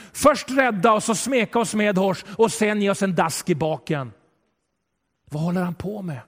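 Male preacher with a high voice, delivering a dramatic sermon in a reverberant church hall. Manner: dramatic, swings between loud and hushed. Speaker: pastor. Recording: long reverb of a large hall.

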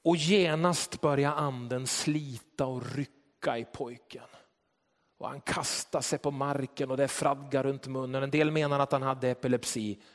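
A man's voice: mid-range voice, steady tone. A man preaching a sermon, retelling a story and asking reflective, rhetorical questions. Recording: long hall reverb.

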